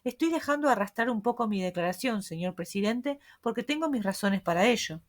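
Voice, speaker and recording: A woman reading the lines of a bold young male reporter, calm, unhurried and sure of himself. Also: medium pitch, natural voice. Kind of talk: audiobook reading.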